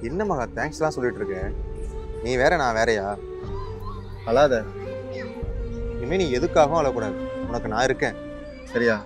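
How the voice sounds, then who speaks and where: A young man acting as a caring boyfriend in a web series, speaking gently and reassuringly, with music underneath. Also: medium pitch, lively intonation, normal speed, pauses often, lightly acted. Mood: comforting.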